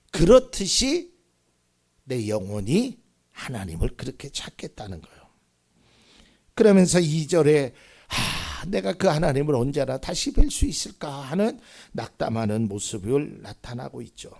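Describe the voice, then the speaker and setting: A man preaching a sermon as pastor. He shifts from hushed whispers to loud, emphatic cries and keeps asking the congregation questions. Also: on the high side, vocal fry.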